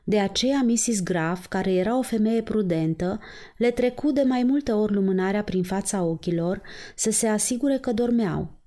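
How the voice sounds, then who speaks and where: A woman narrating a novel as an audiobook in a measured storytelling manner. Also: medium pitch, mellow.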